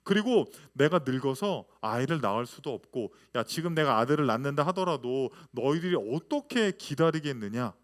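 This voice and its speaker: A woman's voice: very deep voice, animated, normal speed, few pauses, pitched below the performer's own voice. A male preacher voicing an older widowed mother-in-law who insistently pleads with her daughters-in-law to go home. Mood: pleading.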